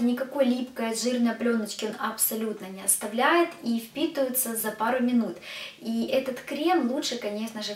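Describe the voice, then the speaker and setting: Chatty woman vlogger in an echoey room. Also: on the high side. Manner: chatty, addresses viewers as girls. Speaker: beauty vlogger. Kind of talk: product review. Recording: echoey room, distant mic.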